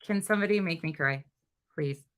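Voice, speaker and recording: This livestream host is a middle-aged North Dakota woman whose low-pitched voice moves briskly and carries a light local accent. Chatting casually and reading comments, she is blunt and animated and swears plenty.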